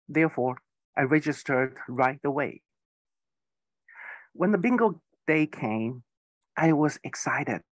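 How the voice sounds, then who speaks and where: Slow, careful man giving a keynote. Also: a little high, no echo. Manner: slow, careful storytelling with occasional slips. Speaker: keynote speaker. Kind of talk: prepared speech.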